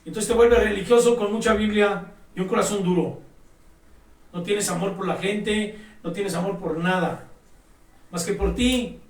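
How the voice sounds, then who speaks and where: A man preaching a sermon, emphatic and exhorting, speaking directly to his listeners. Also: sits high. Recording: echoey room, mic at a distance.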